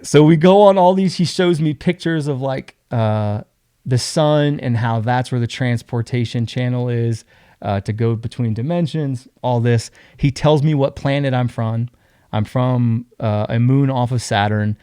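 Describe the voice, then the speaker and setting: A young man tells a story as a podcast guest, lively and full of acted-out quotes. His voice is dark and mellow. The sound is dry, close to the mic. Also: mid-range voice, measured pace, smooth, dry recording. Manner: animated, acts out other people's lines. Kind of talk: casual storytelling.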